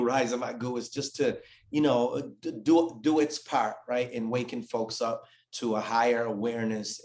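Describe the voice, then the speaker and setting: A man with a strong New Bedford Massachusetts accent talks as a guest in a relaxed interview, reflective and earnest, often restarting his sentences. His voice sits at an ordinary pitch for a man. It rings with a roomy echo. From born in West Africa, raised in Massachusetts. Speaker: guest author. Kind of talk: casual interview conversation.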